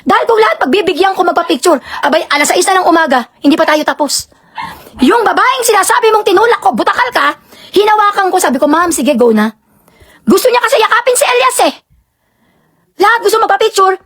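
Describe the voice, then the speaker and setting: Woman, from Canada, high voice, very fast, indignant live-stream rant full of rhetorical questions. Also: expressive, fairly bright tone. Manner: indignant, rapid-fire, peppered with rhetorical questions. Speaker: live-stream host and promoter. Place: home with barking dogs nearby.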